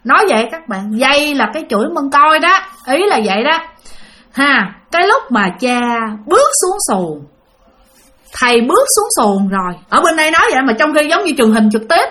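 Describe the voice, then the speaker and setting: A woman's voice: high voice, big pitch swings, a little fast, pushed and bright. A woman telling a ghost story, chatting directly to her listeners. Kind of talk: spoken ghost story narration.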